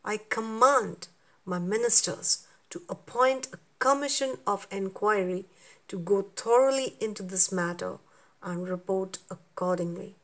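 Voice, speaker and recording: A woman reading aloud as a proud male lion king who makes loud, royal proclamations, at a slow pace. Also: mid-range voice. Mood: noble.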